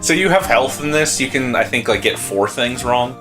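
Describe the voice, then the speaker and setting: Casting: male gaming host, mid-pitched, casual banter over clear background music. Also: expressive, moderate pace.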